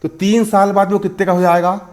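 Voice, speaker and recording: A maths teacher in his twenties, his voice fairly high and his tone level, speaks a little fast during a school lesson. He explains step by step, repeats key phrases, answers the questions he poses, and checks pupils' understanding.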